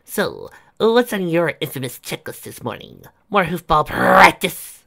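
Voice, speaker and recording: A smug young female stage pony, smirking through her lines, as a male reader plays her. Her voice is slightly raised and bright. It has a showy, lively lilt. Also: on the high side, unhurried, gravelly, voice pushed up, heavily acted. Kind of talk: fan fiction audiobook reading.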